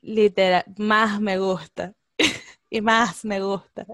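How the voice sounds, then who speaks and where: A woman in casual chat, lively and slangy, laughing often and acting out quotes. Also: mid-range voice, takes it slowly, no echo, studio quality.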